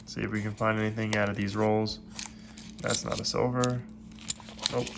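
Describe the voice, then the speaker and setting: Sitting at a desk indoors, a congested man hosting a coin roll hunting video walks viewers through his task at normal speed. His low voice stays nearly flat, and his casual, hands-on commentary is steady and methodical. Noticeable noise runs beneath the recording.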